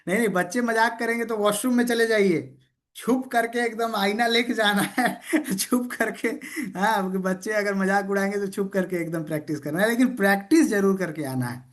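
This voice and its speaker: A man's voice: high-pitched, fairly quick, a bit bright. A man leading an interactive online sales training over a video call. He drills the group in call-and-response, teases participants playfully and keeps checking in that everyone is following.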